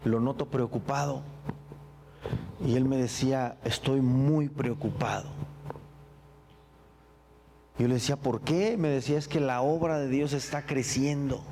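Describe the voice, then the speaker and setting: A middle-aged man, a pastor, sharing his personal testimony in a sermon with earnest, reflective storytelling and halting, repeated words. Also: mid-range voice, fairly even intonation, warm tone, slight background noise.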